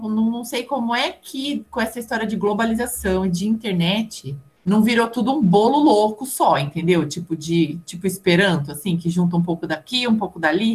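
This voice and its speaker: A woman, an English teacher and translator, chatting casually and often tagging her sentences with a quick check-in. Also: mid-range voice. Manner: chatty, many fillers like "entendeu?". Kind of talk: casual chat.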